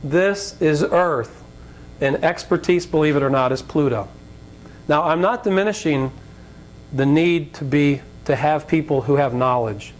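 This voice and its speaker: An American business leader appears as a guest speaker at a college lecture event, giving an informal talk with anecdotes, jokes, tangents, and audience questions. His voice is slightly raspy and his pace measured, and the audio is poor, a rumbly live recording with background noise.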